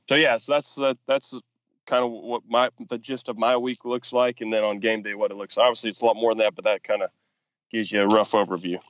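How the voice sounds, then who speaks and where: A football offensive coordinator and quarterbacks coach, appearing as a podcast guest, describes his work in a fairly low, fairly bright male voice. He often restarts sentences with fillers, and the audio is dull but free of echo.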